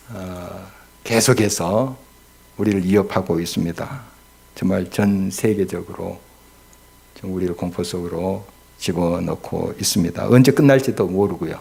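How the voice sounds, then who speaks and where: A man preaching a midweek prayer-meeting sermon as pastor, earnest, swelling loud on key words and asking rhetorical questions. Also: on the low side, creaky. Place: church.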